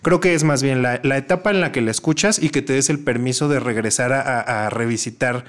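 A man, guesting on a relaxed conversation. He answers in a reflective, measured way at a middling pitch and circles back over his own phrases. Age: 40s. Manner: reflective, measured, with some restarts. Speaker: guest musician. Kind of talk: casual conversational interview.

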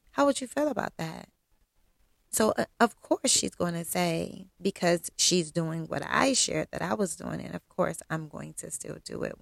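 Blunt woman with heavy vocal fry. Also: lowish voice, no echo, clean studio sound. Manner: blunt, candid, self-assured straight talk with frequent ums. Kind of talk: personal storytime monologue.

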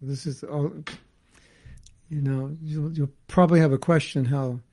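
In an unhurried, fairly even delivery, a man with a slightly high, dark-toned voice leads a scripture class. He reads each passage aloud before offering casual asides to explain it.

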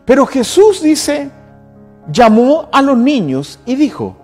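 Chilean pastor in his 60s preaching, high lively voice, big hall echo, soft music under it. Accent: Chilean Spanish. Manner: emphatic preaching with repeated lists. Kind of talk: sermon.

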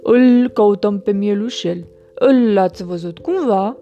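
Oscar, a kind gentle boy, as a woman reads him. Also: medium pitch, soft background music, natural voice. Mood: friendly.

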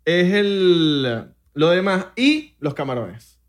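Animated Venezuelan man telling stories. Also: a little high, slow. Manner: animated storyteller, laughs often. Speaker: podcast co-host. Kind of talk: casual chat.

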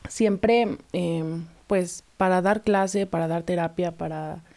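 Young adult Mexican woman, skating coach, animated casual storyteller, slightly low voice. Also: takes it slowly, gravelly. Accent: Mexican Spanish. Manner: animated storyteller who acts out quoted voices. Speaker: roller skating coach and club founder. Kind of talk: casual interview talk.

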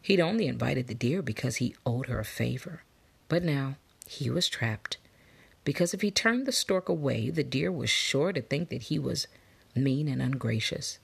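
A woman reading a children's fable aloud, slow and expressive. Her voice is low, gravelly and very husky. She often drops into soft whispers to build suspense. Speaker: storybook reader. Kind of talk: children's story read-aloud.

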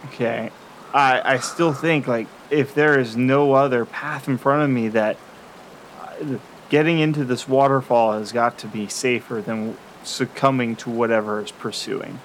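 A man playing a tabletop role-playing game, thinking aloud in a casual, unhurried way. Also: mid-range voice, fairly even intonation, slight background noise. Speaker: player.

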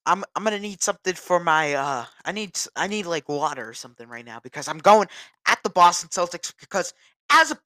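A woman's voice: on the low side, big pitch swings, fairly quick, pushed and bright, no room sound, clean studio sound. A woman from New England ranting about her team in an agitated, repetitive way. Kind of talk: ranting sports vlog.

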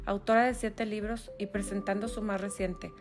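A woman's voice: mid-range voice, little pitch movement, normal speed, over loud music. A woman with a Mexican accent hosting a podcast, upbeat and welcoming. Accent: Mexican Spanish. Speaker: podcast host. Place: store event space with live audience.

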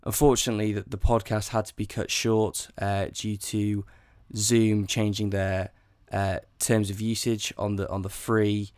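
Host: twenties man, faded Yorkshire accent, lowish flat delivery, hesitant. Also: measured pace, clean tone. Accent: faded Yorkshire, mostly southern English. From Yorkshire, England. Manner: hesitant, many ums and restarts. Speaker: podcast host. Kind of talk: casual interview chat.

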